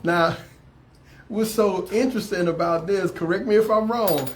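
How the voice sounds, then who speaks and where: A man's voice: sits high, measured pace. A man hosting a casual interview, affirming his guest and often repeating his words. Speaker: talk show host.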